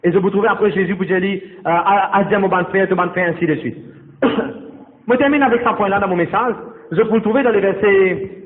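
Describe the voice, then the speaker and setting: A man's voice: sits high, a little fast. A man pastor preaching a sermon, repeating his phrases and calling straight out to the congregation, with English words mixed into his speech. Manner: repetitive, exhorting, addresses the congregation directly. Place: church. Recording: tinny, echoey church hall sound.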